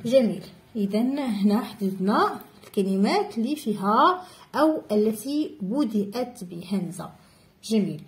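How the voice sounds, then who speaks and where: A woman teacher with a Moroccan Arabic accent explaining a grammar lesson, stressing key words slowly and repeating them. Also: medium pitch, expressive. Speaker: primary school teacher.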